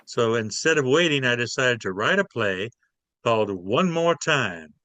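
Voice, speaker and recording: A man's voice: mid-range voice, expressive, a little slow, noisy background. A man, a playwright guest in an interview, telling stories animatedly and acting out his characters. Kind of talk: casual interview storytelling.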